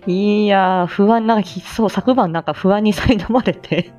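A woman hosting a livestream speaks at a measured pace in a mid-range, somewhat mellow voice. An amateur voice drama actor, she chats casually and reflectively, sounding self-effacing and unsure, and her phrases often trail off.

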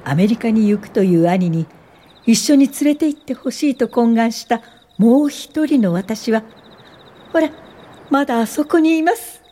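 An actress voices an eighty-year-old woman educator in a radio drama, gentle and reflective as she narrates and speaks her lines. Her delivery is measured and contemplative, with a fairly high, expressive voice.

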